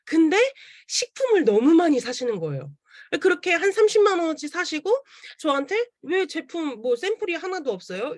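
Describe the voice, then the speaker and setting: A woman's voice: a little high, no room sound, studio quality. A young woman speaking at an online seminar, telling her own story earnestly and acting out the lines of the people she quotes. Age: young adult. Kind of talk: testimonial talk at an online seminar. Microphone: video call.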